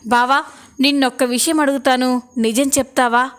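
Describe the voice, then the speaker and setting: Fierce young woman, read by a woman, accusing, probing, high voice, storybook reading. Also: fairly even intonation, normal speed, fairly bright tone, clear, resonant tone. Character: young woman, angry sister seeking truth.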